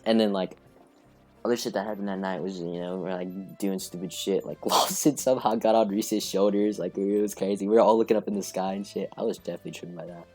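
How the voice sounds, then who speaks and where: A man's voice: sits low, steady tone, fast, a little mellow, soft background music. A young man telling a long rambling story in casual podcast chat, full of fillers and laughter. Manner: rambling, filler-heavy, laughs through stories. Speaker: podcast guest.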